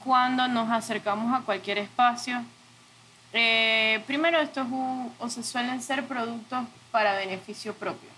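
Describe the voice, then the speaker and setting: A woman's voice: on the high side, moderate pace, pushed and bright, slight background noise, rough recording. A woman speaking reflectively in an interview, searching for words and correcting herself. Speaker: interview guest, audiovisual art director.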